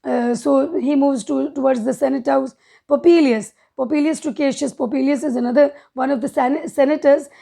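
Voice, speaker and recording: High-voiced woman teacher explaining a play. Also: fairly even intonation, moderate pace, vocal fry, dark tone. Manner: reads quotes then paraphrases, frequent fillers and self-corrections.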